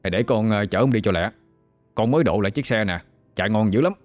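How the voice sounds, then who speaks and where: Man voicing a keen young villager, quick and low-key. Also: soft background music, close to an everyday voice. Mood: eager.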